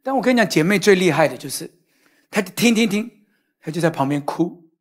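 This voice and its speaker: A middle-aged man delivers a sermon to his congregation. His voice is husky. He tells stories with lively swings from loud to soft. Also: high-pitched, fairly quick. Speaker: pastor. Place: church hall, in front of a congregation.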